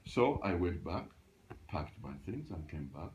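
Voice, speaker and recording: A man in his eighties from Uganda, reminiscing in a home interview, halting and restarting as he recalls his past. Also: sits low, lo-fi sound, slight background noise. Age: 80s. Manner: halting, restarts often, animated when recalling. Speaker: interviewee, grandfather. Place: grandparents' house, indoors.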